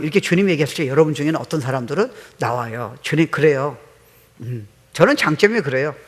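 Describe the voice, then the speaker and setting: In a church sanctuary with long hall reverb, a middle-aged male pastor delivers a sermon full of animated stories sprinkled with English words. His voice is high and a bit bright.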